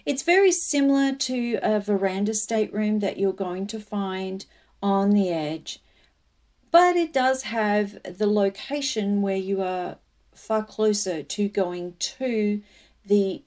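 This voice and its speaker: Woman, medium pitch, travel presenter, explanatory, conversational, personal asides. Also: animated, slow pace, darkish tone. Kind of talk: informative commentary with personal asides.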